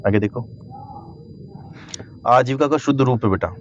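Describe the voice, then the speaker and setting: A man's voice: medium pitch, normal speed, lo-fi sound, slight background noise. A man teaching a Hindi spelling lesson to students, speaking Hindi with a Hindi accent, repeating "thik hai sir" and calling the students "beta" again and again. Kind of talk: online class lesson.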